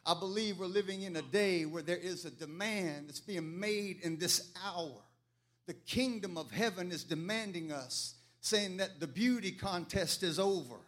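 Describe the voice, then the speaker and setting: Male pastor, high voice, church sermon with chanted fervent peaks. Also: sharp tone. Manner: preaching in rising waves, chanting when fervent. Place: church sanctuary.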